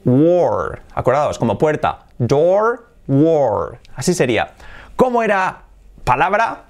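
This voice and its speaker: A man's voice: fairly high pitch, unhurried. A man whose first language is Spanish, teaching English pronunciation in a playful way, exaggerating sounds and joking with viewers. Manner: playful, exaggerated demonstrations of sounds, frequent laughs; direct address to viewers, lively. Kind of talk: pronunciation lesson for a video channel.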